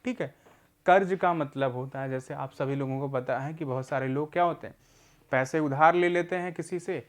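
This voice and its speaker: The teacher here is a man whose voice is fairly high. During a recorded adult literacy class, he asks questions, supplies the answers himself, and patiently repeats words slowly for the learners.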